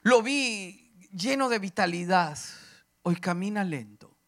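A middle-aged man preaching a sermon, impassioned, swinging from loud declarations to hushed, emotional speech. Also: high voice, expressive, slow.

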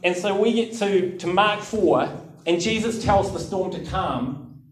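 A man's voice: sits high, measured pace. A man preaching a sermon, telling a personal story in a chatty, self-mocking way with lots of fillers. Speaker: pastor. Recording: echoey hall, distant mic.

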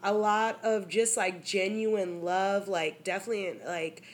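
Animated young woman telling stories with laughter. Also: mid-range voice, measured pace. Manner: animated storytelling, frequent laughter and swearing. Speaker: rapper and DJ guest. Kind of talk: casual interview chat.

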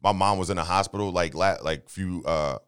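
A man with a low, deep voice tells personal stories in relaxed conversation. He rambles, leans on filler words and swears freely. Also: brisk, clean tone. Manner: rambling, profane, lots of "like" and "you know what I'm saying". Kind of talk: casual storytelling chat.

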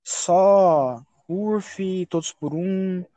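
A man hosting a casual podcast chat, telling stories in an animated, profane way. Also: high-pitched, extremely slow, no room sound. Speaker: podcast host.

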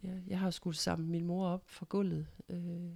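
A woman's voice: on the low side, flat delivery, vocal fry, a little mellow. A middle-aged woman telling personal stories in casual conversation, candid and matter-of-fact. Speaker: guest, mother of the host.

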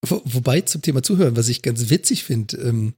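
A man's voice: medium pitch, lively intonation, brisk, dark tone, husky. A man co-hosting a casual podcast, dropping dry quips and corrections. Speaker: podcast co-host. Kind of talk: casual chat.

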